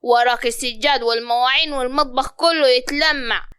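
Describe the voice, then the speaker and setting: A woman's voice: high-pitched, steady tone, a little fast, bright, forceful tone, clean tone. An actress playing a harsh, bossy older mother-in-law with an Upper Egyptian accent, scolding and giving orders. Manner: scolding, commanding.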